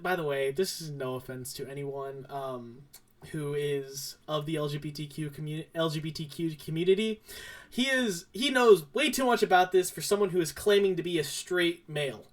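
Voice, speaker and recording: High-voiced young man telling rambling stories. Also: animated, normal speed, a bit bright. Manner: rambling storytelling full of fillers and self-corrections. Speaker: podcast co-host. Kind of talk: casual chat.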